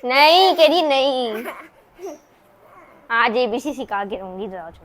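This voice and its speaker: Woman, family vlogger, high voice, unhurried, playful coaxing. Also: expressive, a bit bright. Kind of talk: casual vlog.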